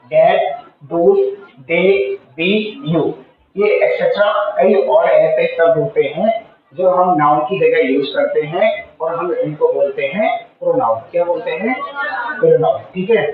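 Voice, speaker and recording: A male teacher with a slightly sore throat, explaining a spoken English lesson in Hindi and often repeating key words back to the class as questions. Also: sits high. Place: school classroom. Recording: distant, echoey, tinny phone-like sound.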